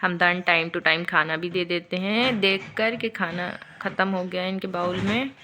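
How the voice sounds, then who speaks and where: A woman filming a family vlog at home, gently telling her small child what to do. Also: lowish voice, steady tone, measured pace, background noise. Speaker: family vlogger and mother. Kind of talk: casual home vlog talk. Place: home indoors.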